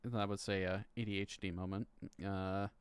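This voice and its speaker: A man in his thirties talking loosely on a live stream, rambling, swearing and chuckling as he goes. His voice sits low and sounds smooth and clean. The sound is close and dry, with no room around it. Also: flat delivery, no echo. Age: 30s. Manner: rambling, swears often, laughs between lines, reads court text aloud haltingly. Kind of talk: casual live-stream commentary. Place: home room.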